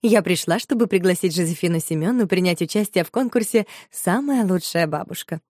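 A woman's voice: fairly low pitch, a little fast, a little mellow, dry recording, clean studio sound, close to an everyday voice. A woman voicing a prim, haughty grown lady who speaks with stiff formality.

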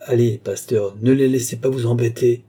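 A man voicing a drunk young man who shouts at the mourners. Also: mid-range voice, steady tone, normal speed, breathy edge, natural voice. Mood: angry. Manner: shouting, staggering.

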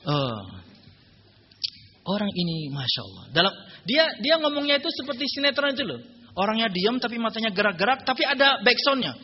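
A male Islamic preacher telling a story in a humorous religious lecture, joking and animated. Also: extremely high pitch, a little fast, muffled recording, slight background noise.

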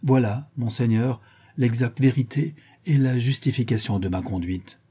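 A man's voice: medium pitch, normal speed, warm tone, breathy edge, lightly acted. A man reading as a polite young nobleman. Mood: respectful. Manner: deferential, explanatory. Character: respectful young nobleman messenger. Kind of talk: audiobook reading.

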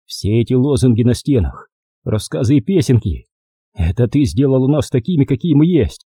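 A man playing a defiant young man with a gun, speaking forcefully in an audiobook reading. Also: mid-range voice, big pitch swings, normal speed, breathy edge, no echo, clean studio sound. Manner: forceful, shouting.

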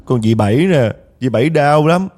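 A man's voice: mid-range voice, expressive, moderate pace, a little mellow, voice pushed up, close to an everyday voice. A man voicing the spirit of a tormented old woman who cries and pleads, trembling. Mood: pleading.

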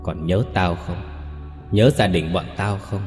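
A man's voice: sits low, unhurried, darkish tone, echoey room, big-room sound, faint music behind. A man voicing a young male ghost, cold, bitter and accusing.

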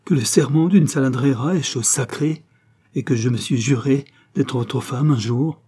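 A man's voice: a little high, fairly quick, dark tone, slightly rough, voice pushed up. A man reading aloud, voicing a passionate young woman who speaks with vehemence. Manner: vehement, emotional.

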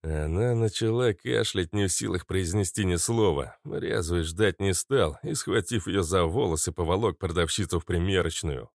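A man narrating an audiobook in an expressive storytelling manner. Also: low-pitched, normal speed, hardly any pauses, dry recording, clean studio sound. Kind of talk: scripted narration.

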